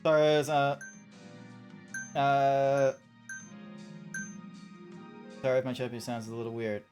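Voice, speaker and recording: A video game streamer giving casual, halting live commentary and reading game text aloud, often flustered and exclamatory. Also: mid-range voice, fairly even intonation, a little mellow, faint music behind.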